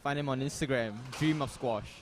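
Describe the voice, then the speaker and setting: A young man giving relaxed, chatty live commentary on a squash match. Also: mid-range voice, a little fast, slight background noise. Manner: relaxed, chatty, says "man" and "you never know". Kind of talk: casual live sports commentary.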